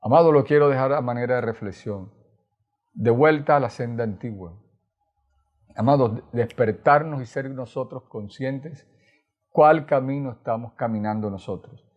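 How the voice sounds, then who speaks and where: Colombian Caribbean pastor preaching a sermon. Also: male voice, medium pitch, normal speed, muffled recording. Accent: Colombian Caribbean Spanish. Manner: earnest preaching, retelling scripture with tag questions.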